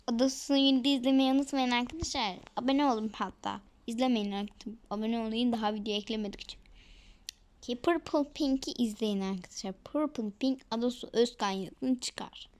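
A woman's voice: on the high side, darkish tone. Chatty woman narrating her gameplay. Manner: chatty, often drops to a whisper. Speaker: gaming video creator. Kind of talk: casual gameplay commentary to viewers.

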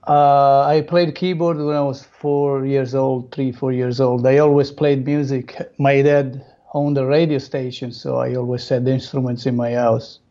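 A man's voice: mid-range voice, level tone, unhurried, few pauses, mellow. A man in his thirties from Italy with an Italian accent, a guest sharing his personal testimony in simple, non-native phrasing over a video call. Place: home room, on video call. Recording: muffled video call audio.

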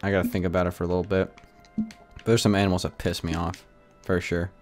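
A young man chatting casually on a gaming livestream, rambling with lots of "like" and ranting in an animated way. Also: low voice, fast, soft background music. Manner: rambling, heavy use of filler "like", animated ranting.

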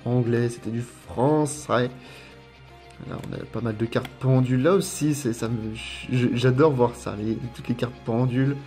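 Casting: French guy, casual rambling unboxing commentary, mid pitch, faint music underneath. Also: a little mellow. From France. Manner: rambling, repeats words, lists card names. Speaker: YouTuber unboxing trading cards.

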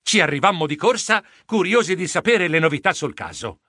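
Bright, animated man narrating a kids' story. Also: fairly high pitch, brisk, dry recording, clean studio sound. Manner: expressive storytelling. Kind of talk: children's audiobook narration.

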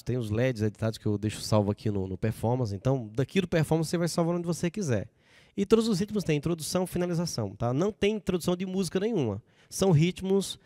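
A man's voice: on the high side, warm tone, no echo. A man from Brazil casually demonstrating keyboard sounds and rhythms, chatting straight to his viewers. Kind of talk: casual product demo. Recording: dry close recording with keyboard music underneath. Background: keyboard music playing.

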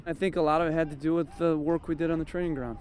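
A man in his thirties, a head coach, giving a measured postgame interview outdoors at night, with lots of "you know" and "um" as he thinks. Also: on the high side, steady tone, darkish tone, slight background noise. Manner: thoughtful, measured, frequent fillers. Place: outdoors at a training field at night. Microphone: handheld interview mic held close.

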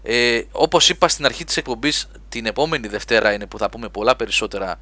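A man hosting a live gaming webcast, chatting lively and reading listener questions aloud. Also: medium pitch, dry recording. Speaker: podcast host.

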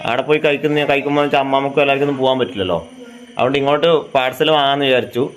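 A man's voice: mid-range voice, fairly even intonation, very fast. A man, chatting casually to viewers at home as a family vlogger and asking teasing questions. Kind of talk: casual vlog chat. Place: at home indoors.

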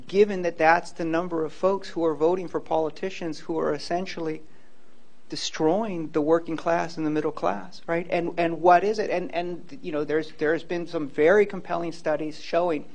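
A man's voice: a little high, a little mellow. Earnest man lecturing in a hall. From Hawaii. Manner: earnest, emphatic, repeats words when starting a point. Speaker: law professor giving a public lecture. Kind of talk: public lecture and Q&A. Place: large lecture hall, indoors. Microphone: handheld microphone.

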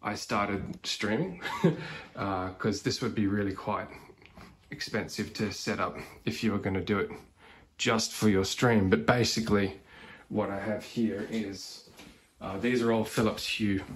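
Relaxed man giving a kitchen walkthrough. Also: fairly low pitch, a little hiss or hum. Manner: relaxed, conversational, frequent fillers. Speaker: cooking streamer. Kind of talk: casual tech walkthrough. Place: home kitchen, indoors.

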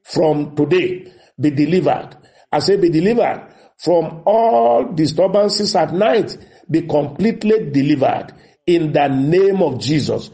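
A man's voice: fairly high pitch, dark tone. A man, a radio pastor declaring prayers in short commanding phrases and reading out listener letters to answer them. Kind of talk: prophetic prayer and counseling on radio. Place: radio studio.

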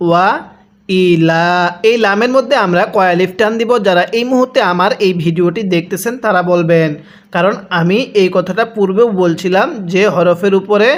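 A man teaching Quran reading. He sounds out each syllable slowly, asks how to read it, and prompts the viewer to repeat after him. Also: sits high. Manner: spells out syllables slowly, then explains quickly. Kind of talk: Quran recitation lesson.

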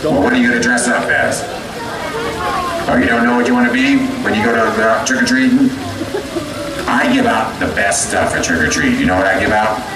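A man's voice: fairly low pitch, a little fast, lightly acted. A man playing a teasing, mock-dramatic talking fountain spirit, bantering with passers-by in improvised comedy. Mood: teasing, deadpan. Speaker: theme park character entertainer. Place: outdoor theme park plaza. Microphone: camcorder at a distance from the voice. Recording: echoey, distant, very noisy outdoor camcorder recording.

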